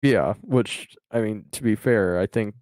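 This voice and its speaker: Young man, casual thoughtful chat, warm lowish voice, dry close sound. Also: measured pace, no echo. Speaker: podcast co-host.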